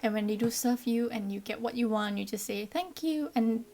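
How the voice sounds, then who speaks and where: A Malaysian woman in her twenties, speaking with a Malaysian accent, explains things in a chatty, friendly vlog, using lots of ums. Her voice is fairly high with a dark tone and vocal fry, delivered at a normal speed.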